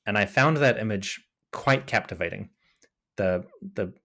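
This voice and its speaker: Over a remote call, this New Zealand man with a deep voice chats in a casual interview as a guest; he hosts an Egyptology podcast himself. He comes across as thoughtful, frequently restarting his sentences and leaning on "you know."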